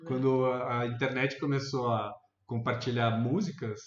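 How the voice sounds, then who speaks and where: Man, Brazilian accent, casual debate, restarts often, echoey, muffled. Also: moderate pace. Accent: Brazilian Portuguese. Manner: thinks aloud with many restarts, animated rises in pitch. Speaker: debate panelist. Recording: echoey room, dull lo-fi sound.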